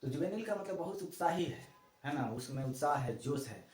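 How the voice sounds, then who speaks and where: A middle-aged man teaches English vocabulary in a Hindi classroom lecture, repeating each term and spelling words out letter by letter. His voice is mellow and sits fairly high. He is heard from a distance in an echoey room. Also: lively intonation, brisk. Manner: explains word by word, spells words out letter by letter, repeats key terms.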